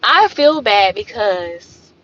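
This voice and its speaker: A woman's voice: mid-range voice, slow pace, lo-fi sound. A woman hosting a livestream, telling a story in a casual, sassy way and talking straight to her viewers. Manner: animated, sassy, addresses viewers as y'all. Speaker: livestream host.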